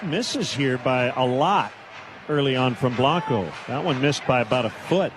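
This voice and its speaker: A man calling radio baseball play-by-play, with brisk calls that climb into shouts on big hits. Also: mid-range voice, expressive, crowd noise, background noise. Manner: brisk calls that rise into shouted home run calls. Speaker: play-by-play announcer.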